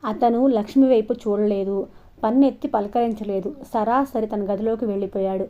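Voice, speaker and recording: A woman reads a novel aloud in a steady, expressive storytelling voice. Her tone is mellow and warm. The recording sounds dull and lo-fi. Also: medium pitch, normal speed. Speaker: narrator. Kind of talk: novel reading.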